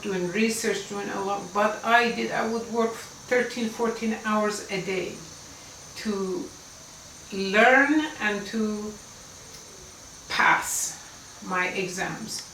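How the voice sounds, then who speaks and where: Speaking with a medium pitch and a fairly bright tone, an Islamic lecturer in her seventies whose first language is Farsi tells her life story with earnest emphasis and occasional little laughs. A distant mic captures a roomy sound with faint ambience and a slight hiss or hum.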